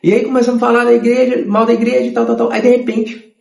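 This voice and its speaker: A man, telling his conversion testimony in an animated way and acting out the voices of others. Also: extremely high pitch, fast, gravelly, reverberant. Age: 30s.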